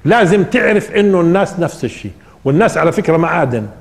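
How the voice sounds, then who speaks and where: A man's voice: on the high side, animated, very fast, creaky, in a large hall. An older man with a Levantine Arabic accent teaching a spoken Quran interpretation lesson, asking rhetorical questions and repeating key phrases for emphasis. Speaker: Islamic preacher and teacher.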